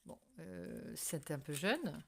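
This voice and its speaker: A woman's voice: low voice, very animated, takes it slowly, gravelly, breathy edge. A woman hosting a casual tarot card reading for viewers, speaking hesitantly as she searches for her words. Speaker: tarot reader and channel host.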